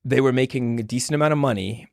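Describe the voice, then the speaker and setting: Gravelly-voiced man telling stories. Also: medium pitch, fast talker, no room sound, clean studio sound. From born in Scotland, raised in Maine. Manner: rambling, with frequent restarts and laughter. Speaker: podcast guest, hitchhiker and journalist. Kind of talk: casual conversational storytelling.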